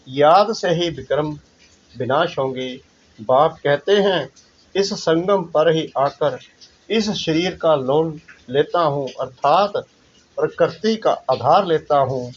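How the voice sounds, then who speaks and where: A man delivers a devotional reading with a steady preaching cadence. He speaks very slowly, his voice sitting a little high for a man. The recording sounds dull and muffled. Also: slightly rough. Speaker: spiritual reader. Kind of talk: slow devotional scripture reading.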